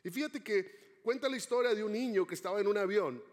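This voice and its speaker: A man's voice: high voice, fairly quick. A man preaching a sermon as pastor, asking the congregation questions as he goes. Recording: long hall reverb.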